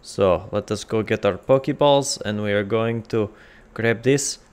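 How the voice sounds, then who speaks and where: A man's voice: on the low side, a little slow, a little mellow, clean tone. A man casually narrating a cooking game in a put-on comic Russian accent, dropping articles and joking to himself as he goes. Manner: rambling, jokey, talks to himself while cooking. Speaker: gamer playing a cooking game. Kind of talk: casual gameplay commentary.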